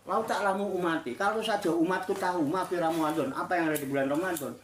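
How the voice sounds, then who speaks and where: A male Islamic cleric with a Javanese accent, leading a humorous religious discussion, teasing and animated, repeating phrases for effect. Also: on the high side, fast talker, roomy sound, slight background noise.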